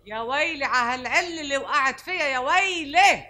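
A woman's voice: high voice, quick pace, background noise, lightly acted. A woman with a Lebanese accent in a TV comedy, fretful and exasperated. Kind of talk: 1970s TV comedy acting.

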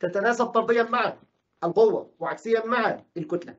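Fast-talking Egyptian physics teacher. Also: male voice, sits high. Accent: Egyptian Arabic. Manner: asks questions and answers them himself, voices imagined student objections. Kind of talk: recorded classroom lesson. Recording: dull lo-fi recording.

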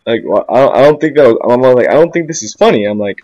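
A man's voice: medium pitch, animated, racing, darkish tone, muffled recording. Rambling young man telling a story. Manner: rambling, repeats "I'm like", laughs at himself. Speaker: podcast co-host. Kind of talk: casual storytelling chat.

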